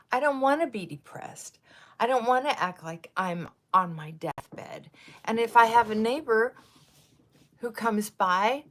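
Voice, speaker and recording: A woman in her sixties chatting casually on a livestream while she does her makeup, rambling from one tangent to the next and sometimes dropping to a soft murmur. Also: on the high side. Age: 60s. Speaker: livestream host.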